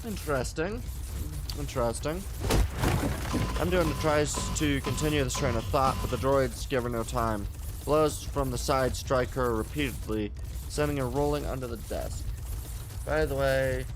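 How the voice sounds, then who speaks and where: A man's voice: medium pitch, moderate pace. Man reading game story aloud over music. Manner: stumbles over and corrects words while reading.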